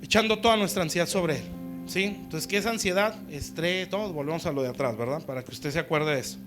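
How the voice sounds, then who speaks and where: During a church service, a male pastor preaches a sermon in a conversational style, frequently checking in with "¿sí?" and acting out quoted voices as dialogue. His voice is a little high and fast, heard over music.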